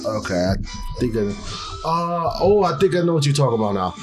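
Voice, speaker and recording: Lively young man hosting a casual podcast. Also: a little high, brisk, music in the background. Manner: lively, laughs easily, loose and slangy. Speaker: podcast host.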